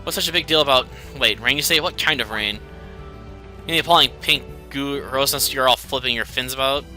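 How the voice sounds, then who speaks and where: A man's voice: mid-range voice, a little fast, pushed and bright, faint music behind. A man voicing a brash, impatient young man lost in a strange world. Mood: incredulous. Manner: blunt, impatient.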